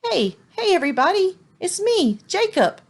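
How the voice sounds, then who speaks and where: A woman's voice: a little high, lively intonation, unhurried, breathy edge, heavily acted. Woman reading as an eager little donkey. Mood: excited. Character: eager young male donkey, proud and hopeful.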